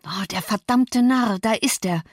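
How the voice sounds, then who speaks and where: A woman's voice: lowish voice, measured pace, darkish tone, no echo, studio quality. A woman reading the lines of a brooding, bitter man torn by love, in an intense, reproachful tone. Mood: urgent.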